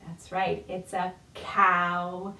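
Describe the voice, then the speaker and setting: This storytime leader has a lowish, pushed and bright voice with little pitch movement, and she draws out her words. She stays playful, encouraging and sing-song, using simple phrasing for babies and their parents. The virtual session was recorded indoors, and the room sounds echoey through a distant mic.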